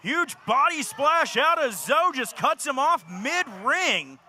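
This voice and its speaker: A man calling wrestling play-by-play as an excited announcer, often shouting his forceful calls. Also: very high-pitched, slow. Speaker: wrestling commentator. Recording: noisy live arena recording.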